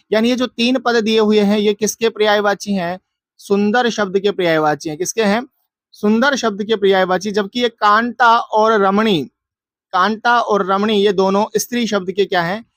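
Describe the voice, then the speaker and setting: A man's voice: sits high, fairly even intonation, normal speed, a bit bright, no room sound. A man teacher going through exam answers, asking questions and answering them himself in a drilling, repetitive way. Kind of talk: exam answer walkthrough lesson.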